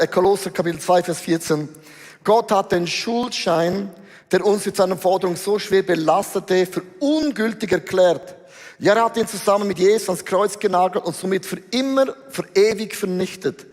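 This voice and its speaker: A man with a Swiss German accent, preaching an animated sermon from a church stage and mixing English phrases and slang into his talk. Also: high voice. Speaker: pastor. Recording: large hall with long reverb.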